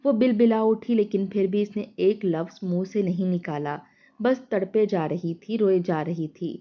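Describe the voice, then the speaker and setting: Brief: woman storyteller, steady dramatic delivery, medium pitch, muffled lo-fi sound. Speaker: narrator. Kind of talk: first-person story narration. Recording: dull lo-fi sound.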